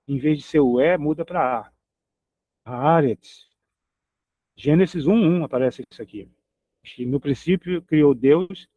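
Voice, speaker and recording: A man's voice: on the high side, no echo, highs cut off. A man teaching a recorded Hebrew grammar lesson, patiently repeating each example word.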